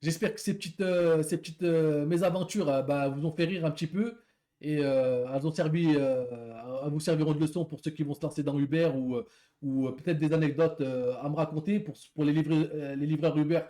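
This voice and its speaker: A man's voice: fairly high pitch, steady tone, brisk, dark tone. A man who works as a delivery rider, telling a story in a casual, rambling way, repeating words and talking to viewers as friends.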